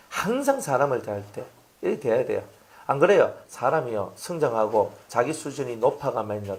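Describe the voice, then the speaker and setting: Pastor guy, chatty sermon, lots of questions to the crowd, voice swings up and down a lot. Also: medium pitch. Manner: animated, chatty preaching with rhetorical questions.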